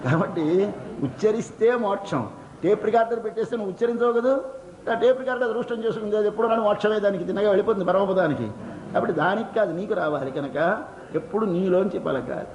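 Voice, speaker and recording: An older man with a Telugu accent gives a devotional discourse. He asks questions and answers them himself in quick bursts, then slows down on key words. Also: high-pitched, darkish tone. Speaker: religious discourse speaker. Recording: echoey hall, dull lo-fi sound, faint hiss.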